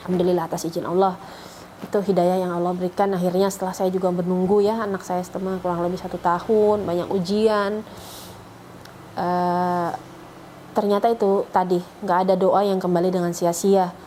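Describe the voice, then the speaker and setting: A woman's voice: fairly low pitch, little pitch movement, normal speed, pauses often, warm tone, a little hiss or hum, poor audio. A middle-aged woman telling the story of how she came to Islam, in a chatty, rambling way with many restarts. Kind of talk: emotional personal testimony.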